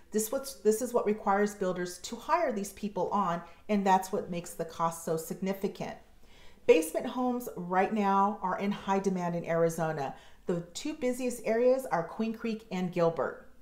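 A woman in her forties with an American accent, a real estate agent hosting her channel, explaining to camera in a measured, informative way with slow deliberate emphasis. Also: medium pitch, a little mellow. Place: home office, indoors. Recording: roomy office echo.

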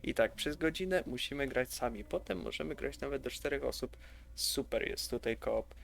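A man's voice: medium pitch, expressive, moderate pace, vocal fry. A man giving chatty, rambling, enthusiastic commentary over gameplay. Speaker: gaming youtuber.

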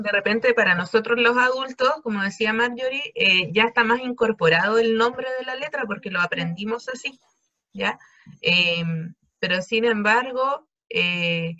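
A Chilean woman teacher calmly adding to a colleague's explanation for parents. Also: on the high side, dry recording, muffled recording. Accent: Chilean Spanish. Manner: calm, explanatory, asks "¿cierto?".

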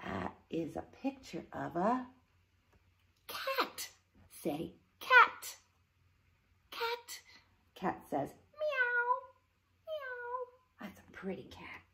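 This middle-aged woman reads a picture book interactively to young children from her living room, her high, bright voice swinging hugely in pitch. She speaks extremely slowly with long pauses, forceful and exaggeratedly sing-song.

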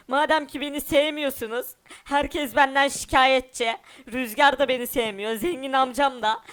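A man's voice: extremely high pitch, fairly bright tone. A man voicing a hurt, defiant runaway boy in a cartoon game parody, whiny and sulking, talking to viewers.

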